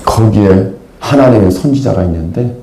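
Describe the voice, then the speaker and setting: A male pastor preaching a Sunday sermon, telling a story with acted-out voices and sudden loud bursts. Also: on the low side, normal speed, a little hiss or hum. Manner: animated storytelling, acts out characters, sudden loud outbursts. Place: church sanctuary. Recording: echoey church hall.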